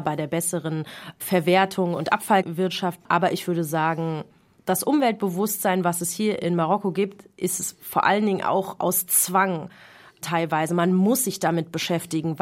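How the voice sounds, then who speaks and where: A woman reporting as a foreign correspondent in a measured, explanatory way. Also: fairly low pitch. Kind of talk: radio report.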